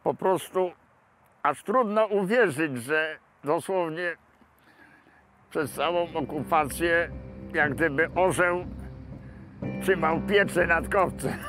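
A man in his seventies from Poland, recounting local history to camera outdoors in a park in a measured, pausing manner. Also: fairly high pitch, a bit bright, soft background music, poor audio. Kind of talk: unscripted reminiscence to camera.

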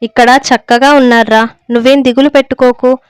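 A woman voicing an aging village father who scolds and pleads with his son. The figure is hurt and stern, and she rebukes in a steady story reading. Her voice stays high, clear and smooth, in a dry close recording. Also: a little fast, dry recording, lightly acted. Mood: reproachful.

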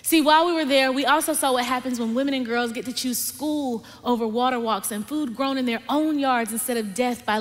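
A young adult woman giving a conversational, dynamic sermon as a guest speaker, dropping to soft emphasis on key words. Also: a little high. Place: large church stage with lights and screens. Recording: long hall reverb from a big auditorium.

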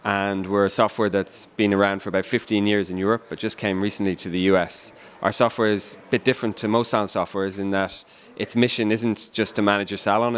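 Low-voiced man giving a polished pitch. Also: fairly bright tone. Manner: brisk, polished sales talk. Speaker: company founder and CEO. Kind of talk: promotional pitch and interview. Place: indoor event room. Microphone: handheld mic.

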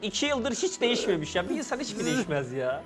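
Excitable man narrating his gameplay. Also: high voice, fast, soft background music. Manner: chatty, excitable, laughs often. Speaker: guest gamer. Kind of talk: live gameplay commentary. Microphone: gaming headset.

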